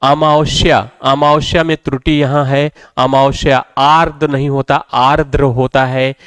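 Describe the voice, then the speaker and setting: Teacher drilling spelling, crisp voice. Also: male voice, medium pitch, little pitch movement, normal speed, no echo. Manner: repetitive, drills words and asks rhetorical questions. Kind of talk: classroom lecture.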